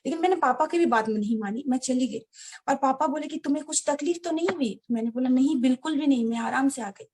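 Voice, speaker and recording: A woman telling a personal story to a devotional gathering, earnest and halting, often addressing her listeners directly. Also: high voice, darkish tone, slightly rough. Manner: many restarts and hesitations. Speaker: devotee sharing a personal experience. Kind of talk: heartfelt personal storytelling to an audience.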